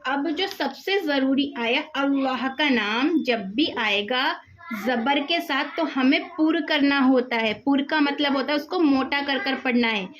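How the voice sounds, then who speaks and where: A woman teaching the rules of Quran recitation, patiently repeating each example and slowly drawing out the sounds. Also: high voice, a little hiss or hum.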